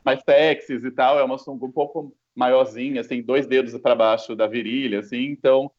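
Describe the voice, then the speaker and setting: A man's voice: medium pitch, fairly even intonation, a little fast, a little mellow, muffled recording. A Brazilian man with a Brazilian Portuguese accent, telling a story as a guest in a casual panel chat over a call. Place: video call.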